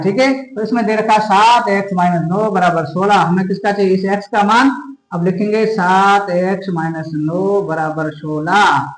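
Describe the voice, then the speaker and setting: A man with a Rajasthani Hindi accent works through a classroom math lesson in a fairly high voice. He talks straight to his students and keeps asking whether they have any doubts. The sound has a roomy echo. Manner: addresses students repeatedly, checks for doubts. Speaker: math teacher. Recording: echoey room.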